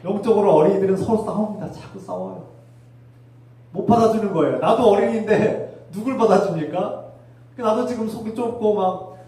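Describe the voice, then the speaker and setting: A man's voice: high-pitched, mellow. A male pastor preaching a sermon in a church, fervent and exhorting, urging his listeners and leading them in call-and-response commands. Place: church sanctuary. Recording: very echoey church hall, mic far off.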